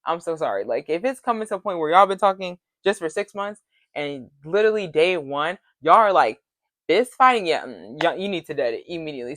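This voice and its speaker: Chatty woman with a lowish voice. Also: no room sound. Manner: chatty retelling, full of "like" and quoted dialogue. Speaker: reality show recap vlogger. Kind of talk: casual recap vlog.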